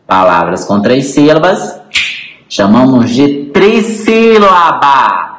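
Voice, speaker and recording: A male teacher, explaining syllables to his class and spelling out example words slowly. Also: fairly low pitch, lively intonation, a bit bright, slight background noise, low-quality recording. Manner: addresses class directly. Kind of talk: grammar lesson.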